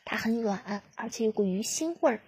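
A timid young chick, as a woman reads it for a storybook, curious but hesitant. The voice is high and breathy. It sounds dry and close. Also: lively intonation, a little fast, darkish tone, no echo, exaggerated voice. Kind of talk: storybook reading.

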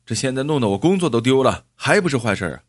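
A man's voice: fairly low pitch, lively intonation, fairly quick, dry recording, studio quality. A man playing a short-tempered, indignant office worker. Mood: angry. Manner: indignant, demanding.

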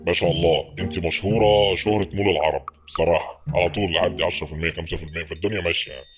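A man plays a pushy Egyptian businessman angling for a favour in a prank phone call. His voice is low and he talks very fast, insistent and repetitive, with faint music behind. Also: fairly even intonation, slightly rough. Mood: pushy, wheedling. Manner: insistent, repetitive, over-familiar. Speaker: prank caller.

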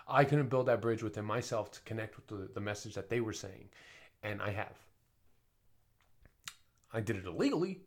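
A man talking in a casual personal monologue as a podcast host, often swearing and full of fillers, dropping to soft mumbles and then rising to loud emphatic bursts. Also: on the low side. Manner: frequent swearing and filler talk.

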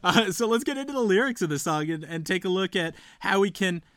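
A man hosting a casual podcast panel, playful and quick to joke around. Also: high-pitched, lively intonation, a bit bright, dry recording, clean studio sound. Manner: playful, bursts into singing. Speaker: podcast host.

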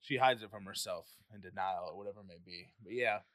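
A man co-hosting a casual chat about a novel, animated and swearing freely. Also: sits low, quick pace, no room sound, clean studio sound. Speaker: podcast co-host discussing a novel.

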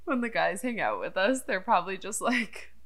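Young female podcast co-host, bright forward voice, loose informal Valley Girl style. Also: mid-range voice, big pitch swings, moderate pace. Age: young adult. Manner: informal, peppered with "like". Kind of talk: casual chat.

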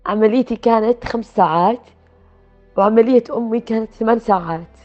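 A woman recounting a personal experience in a soft, reflective way, with pauses and restarts. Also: fairly high pitch. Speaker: guest telling her story. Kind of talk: personal storytelling. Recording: dull lo-fi sound with faint music.

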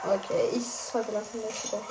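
A woman giving excitable live commentary on her own gameplay, crying out at goals and misses and chatting to her listeners. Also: mid-range voice, normal speed, gravelly. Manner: excitable, shouts and cries out at plays, chatty asides to listeners. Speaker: gaming streamer. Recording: echoey room with background noise.

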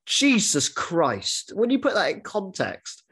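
Animated, sweary male podcast host. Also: high-pitched, takes it slowly, creaky, breathy edge. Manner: animated, frequent swearing and false starts. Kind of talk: casual podcast chat.

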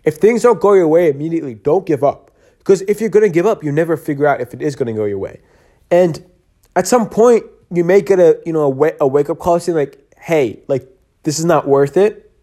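A man's voice: a little high, animated, fast talker, warm tone. Earnest rambling man hosting a podcast. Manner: rambling and earnest, many fillers and restarts. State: tired, yawning. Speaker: podcast host. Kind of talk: casual solo podcast monologue.

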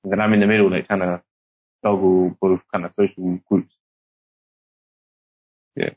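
A deep, slightly breathy voice belongs to a young podcast guest who grew up in Singapore. He chats casually at a moderate pace and level tone, speaking British English with Singaporean code-switching and rambling through heavy fillers. The recording sounds muffled and lo-fi.

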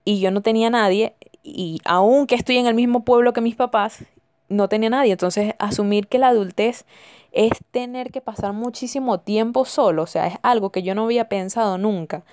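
A woman's voice: fairly high pitch, normal speed, a little mellow. A young woman with a Venezuelan accent, hosting a podcast and telling stories in a chatty way, repeating words for emphasis. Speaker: podcast host. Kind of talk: casual storytelling monologue.

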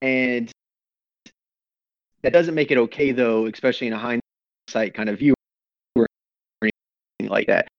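A man joining a casual movie discussion over an internet call whose audio keeps breaking up and dropping words, talking in halting, restarting sentences. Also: mid-range voice, creaky, dry recording. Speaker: podcast panelist. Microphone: remote internet call. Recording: dull, dry call audio from off-mic.

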